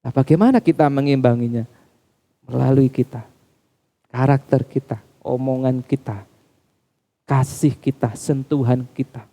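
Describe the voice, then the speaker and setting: A man preaching a sermon in a church, calling the congregation Bapak Ibu Saudara as his pitch climbs and drops. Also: a little slow, long pauses, warm tone. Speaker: pastor.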